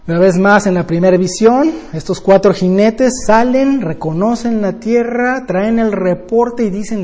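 An older man, a grandfather, teaching a Bible study sermon in a lively storytelling way, often ending with tag questions. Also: high-pitched, big-room sound.

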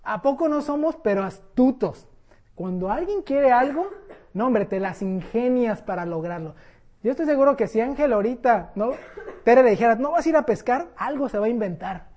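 A woman preaching a sermon in a conversational, animated storytelling way. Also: on the high side, moderate pace, lo-fi sound.

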